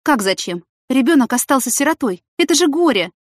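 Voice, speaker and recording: A woman's voice: high voice, big pitch swings, a little fast, no room sound, clean studio sound, voice pushed up. Woman voicing a earnest young mother patient. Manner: warm-hearted, earnest. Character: chatty kind-hearted young mother patient.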